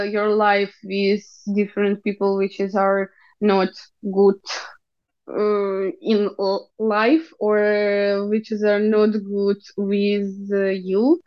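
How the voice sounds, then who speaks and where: A young Ukrainian woman with a Ukrainian accent, haltingly searching for English words as she gives a personal account in an interview. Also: mid-range voice, clear, resonant tone, lo-fi sound. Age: young adult. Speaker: interview guest.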